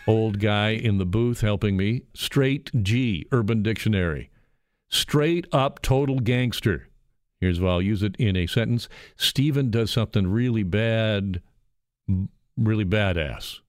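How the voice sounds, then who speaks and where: A man's voice: fairly low pitch, unhurried, darkish tone, dry recording. A man hosting a radio talk show from a studio booth, chatty and jokey. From Canada. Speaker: radio host. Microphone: studio microphone.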